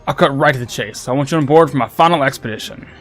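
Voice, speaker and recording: A man's voice: mid-range voice, fast talker, fairly bright tone, faint music behind, close to an everyday voice. A man voicing a seafaring male explorer captain in a pirate drawl, reading game lines aloud and stumbling over the names. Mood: yarn-spinning.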